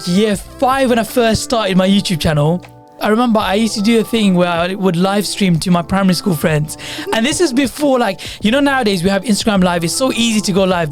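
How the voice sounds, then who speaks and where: A man's voice: high-pitched, fairly quick, soft background music. A young man in his twenties, a podcast co-host, eagerly telling stories in casual chat and often correcting himself. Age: 20s. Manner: eager storytelling, self-correcting. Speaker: podcast co-host, journalism student.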